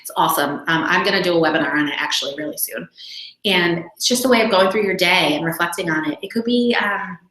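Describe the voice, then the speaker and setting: A woman's voice: lowish voice, fairly bright tone. A woman in her thirties, talking candidly and casually about her faith, with lots of fillers and self-deprecating asides. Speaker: faith video host. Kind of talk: casual personal reflection. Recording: roomy echo.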